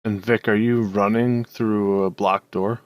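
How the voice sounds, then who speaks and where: A man with a low voice narrates as dungeon master, pausing often on fillers as he talks through each turn. The sound is close and dry. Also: level tone, no echo. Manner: halting, many fillers. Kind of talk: narrating a tabletop game.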